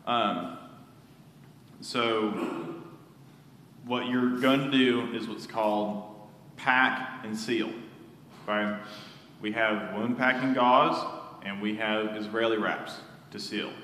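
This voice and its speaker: A man's voice: lowish voice, fairly even intonation, slow pace, pauses often, sharp tone, a little hiss or hum. A man teaching a hands-on first aid class in a church hall, talking casually with fillers and restarts. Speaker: safety instructor. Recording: echoey hall with long reverb.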